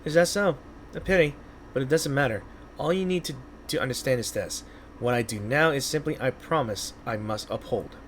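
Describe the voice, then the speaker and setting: A man's voice: mid-range voice, moderate pace, slight background noise, lightly acted. A man voicing a solemn, resolute ancient woman guardian from a game in a grave, theatrical way.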